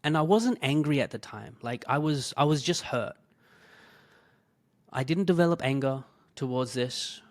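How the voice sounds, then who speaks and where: A man's voice: medium pitch, animated, moderate pace, no room sound. A man, a fitness business owner, telling a personal story in a candid, emotional way, swearing freely and dropping almost to a whisper at the hurtful parts.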